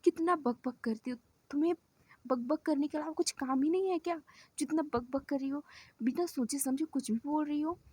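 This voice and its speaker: A woman's voice: high voice, normal speed, a little mellow, pitched above the performer's own voice, close to an everyday voice. A cool, bossy young woman scolds in clipped, curt sentences. A woman storyteller gives her this voice. She sounds sure of herself and a touch teasing. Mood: scolding.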